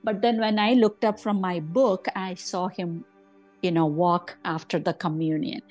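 A middle-aged woman, a grieving mother who recalls a family weekend in a halting, soft way. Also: fairly low pitch, steady tone, faint music behind, low-quality recording. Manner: halting, soft, acts out remembered dialogue. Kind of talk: personal recollection.

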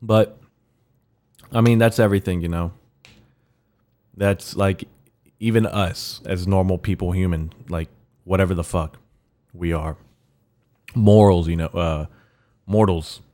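Deep, raspy-voiced man rambling casually. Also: fairly even intonation, a little mellow. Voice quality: raspy morning voice. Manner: profane, slangy bro-talk; halting, rambling delivery. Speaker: podcast host. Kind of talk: casual solo podcast rambling.

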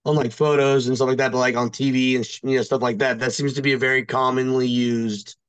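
A man talks casually as a podcast guest, rambling hesitantly through personal stories and saying "like" constantly. His mid-range voice barely moves in pitch, he speaks quickly, and the tone is clean with no room sound.

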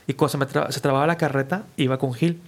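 A man, a musician guest casually telling stories in an animated, slangy way and acting out the people he quotes. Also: mid-range voice, quick pace. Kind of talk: casual storytelling.

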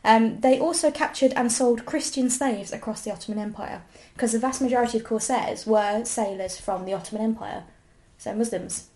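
A woman with a fairly high voice co-hosts a casual history podcast. She explains things at length and sets her co-host straight. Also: moderate pace, darkish tone.

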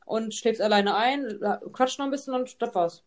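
A young woman, a mother, telling a long story in a casual podcast chat, tagging her sentences with a quick "ne?". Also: a little high. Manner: chatty storytelling, constant tag "ne?". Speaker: podcast host, mother of two.

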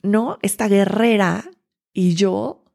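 A woman's voice: mid-range voice, slow, vocal fry, darkish tone. A woman, a podcast host and teacher, telling a personal story in an earnest, confiding way with many fillers and restarts.

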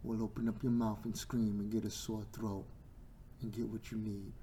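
Preacher, man, hoarse from a sore throat. Impassioned and repetitive, low-voiced, swings from shouting to whispers. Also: little pitch movement, moderate pace, a little hiss or hum. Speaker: preacher and podcast host. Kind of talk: sermon.

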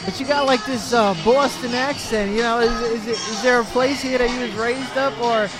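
A man hosting a radio interview, asking loose, rambling questions in an excitable, casual way. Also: extremely high pitch, moderate pace. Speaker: radio host. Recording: very loud music and crowd.

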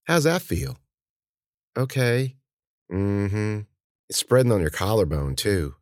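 A man's voice: on the low side, sing-song, takes it slowly, no room sound, clean studio sound, exaggerated voice. A man doing a sleazy drawling farmhand. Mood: smarmy. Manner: drawling, smarmy.

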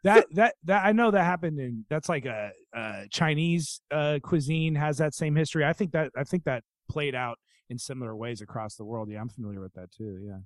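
A man's voice: on the high side, brisk, few pauses, dry recording. A man from the United States co-hosting a casual chat, laughing often and stammering through playful reactions. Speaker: podcast co-host.

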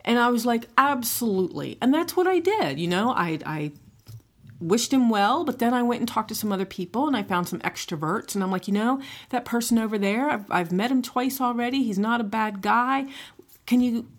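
A woman's voice: fairly high pitch, animated, a little fast. A middle-aged woman co-hosting a podcast, talking casually and often checking in with "right?" and "you know". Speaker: podcast co-host. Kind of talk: casual chat.

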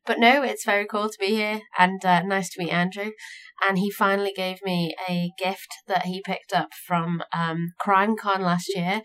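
A woman's voice: medium pitch, fairly bright tone, rough recording. A woman co-hosting a podcast in casual chat, with a blunt, jokey way of talking. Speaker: podcast co-host. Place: small booth, sharing a room with co-host.

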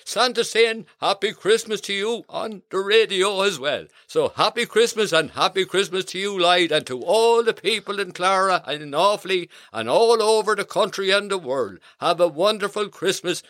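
A kindly old Santa Claus with a lilt, played by a man, sending rambling, folksy greetings. His voice sits high for a man. The sound is close and dry, with no room in it. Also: moderate pace, hardly any pauses, no room sound. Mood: cheery. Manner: folksy, rambling, warm greetings, hearty ho-ho laughs. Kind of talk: in-character radio greetings.

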